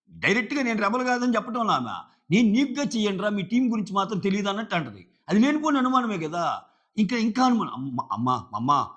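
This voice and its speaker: A man giving a casual, animated recap and acting out what others said. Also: high-pitched. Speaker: show commentator. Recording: dull lo-fi sound.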